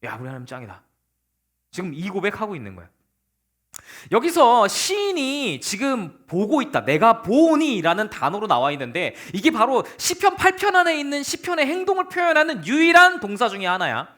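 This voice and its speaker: A young man, a youth pastor, giving a casual, animated sermon to teenagers and acting out the psalmist's words. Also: very high voice, moderate pace. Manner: talks to teens informally, calls them kids.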